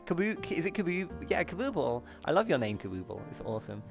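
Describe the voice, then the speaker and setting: Lively male streamer who says w for r. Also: fairly high pitch, fast talker, creaky, soft background music. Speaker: host of a live streamed show. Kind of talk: casual chat with live viewers.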